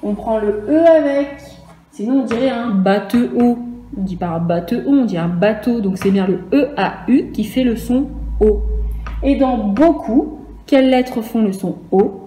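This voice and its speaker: A woman's voice: fairly high pitch, measured pace, dark tone, soft background music. A woman teaching phonics to young children in a remote lesson, spelling out letters one at a time with patience. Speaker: primary school teacher. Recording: echoey room with faint noise.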